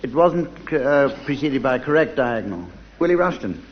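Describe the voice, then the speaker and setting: A man with a medium-pitched, animated voice speaks at normal speed while chairing an unscripted comedy panel game live before a studio audience. The audio is a dull, noisy old radio recording.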